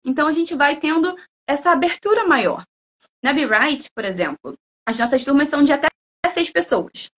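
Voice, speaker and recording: A woman from Brazil, a guest speaker who talks in a lively, playful way and acts out imagined students' lines. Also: high voice, moderate pace, muffled recording. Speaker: guest speaker, language school head. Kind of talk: lively talk in a livestream.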